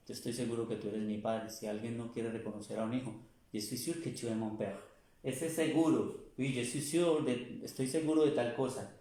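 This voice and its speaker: Slow-talking man teaching in an echoey room. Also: medium pitch, darkish tone. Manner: repeats words slowly, pauses and searches a dictionary. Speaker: French teacher. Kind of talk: slow language lesson. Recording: echoey room, far from the mic.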